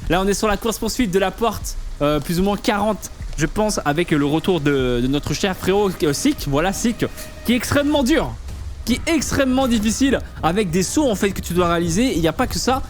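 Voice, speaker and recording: A man's voice: high voice, lively intonation, a little fast, faint music behind. A man giving casual commentary on a game, explaining things to the viewer in informal, slangy language. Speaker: gaming video host.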